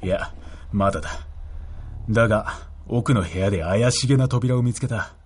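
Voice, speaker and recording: A man's voice: on the low side, moderate pace, slightly rough. A man playing a serious but easily exasperated special agent in a comedic audio drama, with terse military speech. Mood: serious, wary. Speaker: radio DJ playing a character.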